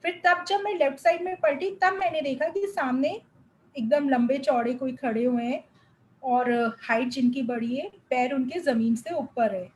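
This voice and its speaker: A woman's voice: high voice, moderate pace, slight background noise, poor audio. A young woman giving an earnest, emotional spiritual testimony to a congregation, mixing English words into her speech. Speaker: devotee sharing a testimony.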